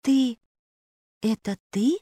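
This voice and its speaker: Brief: woman reading as a quick-witted girl, high and pointed. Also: no echo. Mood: probing. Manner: sharp, questioning.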